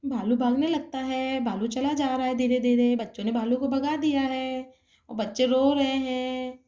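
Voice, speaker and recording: A woman telling a doll story in a lively, exclaiming way. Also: high-pitched, normal speed, roomy sound.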